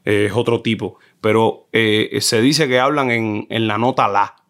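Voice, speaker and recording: A middle-aged man with a Cuban Spanish accent, a film director chatting as a guest and telling animated stories, often mimicking how people in other regions talk. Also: on the low side, unhurried. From Cuba. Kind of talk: casual conversation.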